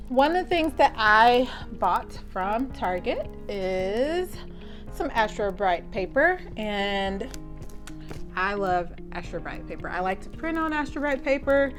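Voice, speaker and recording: A young woman with a Southern accent, chatting casually and rambling as a teacher vlogger. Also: medium pitch. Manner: chatty, rambling, many "like"s and restarts. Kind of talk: casual vlog chat.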